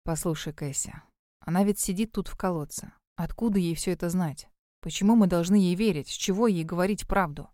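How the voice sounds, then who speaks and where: A sullen, grumbling werewolf master from a storybook, talking low and quiet, as a woman reader puts him on. His lines are muttered and gloomy, in a dry, close recording. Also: moderate pace, clear, resonant tone, dry recording, natural voice. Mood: whispering. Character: gruff grumpy male master, a werewolf.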